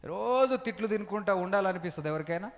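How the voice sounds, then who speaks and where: A man's voice: high-pitched, expressive, fast. A male pastor preaching a sermon, repeating his phrases and calling out hallelujah. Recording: long hall reverb.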